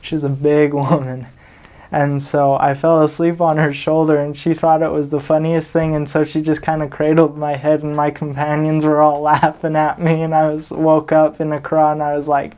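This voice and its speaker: A man's voice: fairly high pitch, completely flat delivery, normal speed, a little mellow. A young man from the United States casually telling anecdotes as a vlogger, chuckling often as he recalls them. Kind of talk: casual storytelling.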